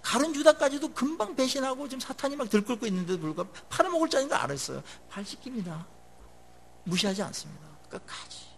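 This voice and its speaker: A male pastor preaching a sermon in a conversational way, asking the congregation questions and letting his phrase endings drop low after emphatic peaks. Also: big pitch swings, quick pace, gravelly, a little hiss or hum.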